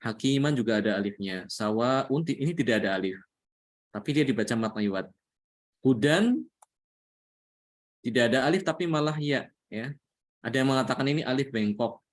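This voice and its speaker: A man's voice: mid-range voice, brisk. Patient Indonesian man teaching recitation. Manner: patient, repeats points with frequent "ya". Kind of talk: religious lesson.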